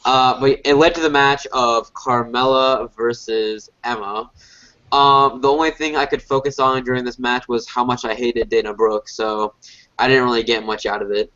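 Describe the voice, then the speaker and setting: A stuffy-nosed man chats loosely on a podcast, piling up "like" and half-finished thoughts as he restarts sentences. His voice sits at an everyday middle pitch. The audio is dull and lo-fi, a home podcast recording. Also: steady tone, normal speed, pushed and bright. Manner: rambling, filler-heavy, frequent restarts. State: congested, a little sick. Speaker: podcast co-host. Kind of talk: casual wrestling review chat.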